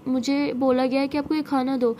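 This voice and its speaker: A polite household maid in a spoken story, speaking softly and deferentially, as a woman storyteller puts her on. The voice is high and warm. A faint hiss is in the background. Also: little pitch movement, a little fast, close to an everyday voice.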